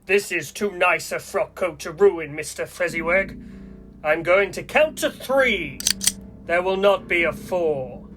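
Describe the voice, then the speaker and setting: A man's voice: high voice, animated, unhurried, music in the background. A man playing a courteous but menacing Saint Nicholas as an armed gang boss in a radio play. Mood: cold threat. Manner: courteous, formal, threatening.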